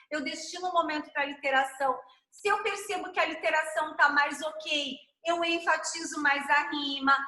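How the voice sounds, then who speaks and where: A Brazilian woman with a high, bright voice explains teaching methods to colleagues. She talks in an explanatory way and stretches sounds when modeling syllables. She is heard in an echoey room. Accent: Brazilian Portuguese. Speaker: educator teaching literacy methods. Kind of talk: online teaching chat.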